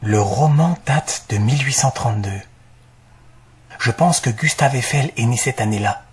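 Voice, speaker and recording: A man's voice: mid-range voice, moderate pace, husky. A man playing a thoughtful young student searching for clues in a scripted audio story for language learners.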